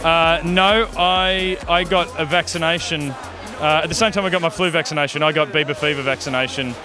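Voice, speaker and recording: A man chats lightly in a red carpet interview. He talks quickly in a slightly high voice, with music behind him. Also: fairly even intonation. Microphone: handheld microphone. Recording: music behind, outdoor event.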